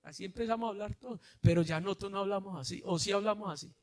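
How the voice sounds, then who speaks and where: High-pitched man preaching a fiery sermon. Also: racing. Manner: preaching with rhetorical questions to the congregation, often shouting. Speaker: pastor.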